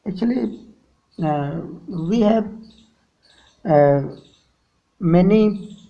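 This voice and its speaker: A man with an Indian English accent teaching a story lesson, reading a line and then explaining the words simply, with frequent pauses and fillers. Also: sits high, expressive, creaky, lo-fi sound. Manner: reads a sentence then glosses words in simple terms, halting with fillers.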